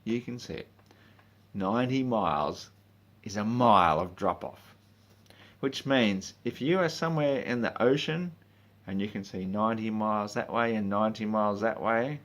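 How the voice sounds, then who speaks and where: A man in a drunken, rambling, sweary rant, speaking informally and haltingly, with emphatic bursts and muttered asides. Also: on the low side, a bit bright. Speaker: monologue speaker.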